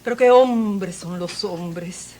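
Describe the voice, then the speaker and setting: Una actriz cubana interpreta a la joven esposa del zapatero, de genio vivo y dramático, que pasa de regañar a lamentarse entre exclamaciones. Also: female voice, mid-range voice, takes it slowly, lightly acted. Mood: indignant, scolding. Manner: exclamatory, swinging between scolding and lament. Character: fiery young shoemaker's wife, quick-tempered, dramatic. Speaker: stage actress. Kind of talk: theatre performance.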